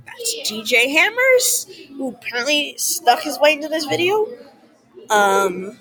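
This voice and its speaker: A woman vlogs her casual, rambling opinions on transit announcements, sounding excitable, easily exasperated and full of exclamations. Her voice sits high and she talks a little slowly. She's in a busy chattering room, with crowd noise and other people's conversation in the background.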